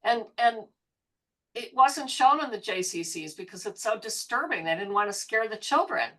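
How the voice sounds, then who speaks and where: A woman artist speaks candidly and confessionally in an online group discussion. Her voice is bright and edged, sitting a little high in pitch. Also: animated, normal speed. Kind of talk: casual chat. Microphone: video call.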